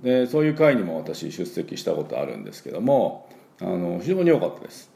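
A middle-aged man with chatty, filler-heavy talk, hosting a daily English lesson and slowly drilling pronunciation. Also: low-pitched, wildly swooping pitch, gravelly, mellow, roomy sound. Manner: chatty, many fillers, slow drawn-out teaching of sounds. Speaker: English teacher and school head.

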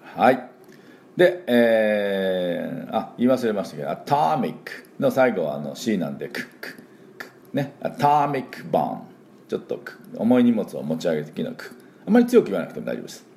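A man hosts a daily spoken English lesson, chatting casually with plenty of fillers and stopping to say words aloud for listeners to copy. His voice sits low, yet his pitch rises and falls a great deal. The tone is soft and mellow rather than bright. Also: creaky, a little hiss or hum. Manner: chatty, filler-heavy, models pronunciation aloud. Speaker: English teacher and school principal.

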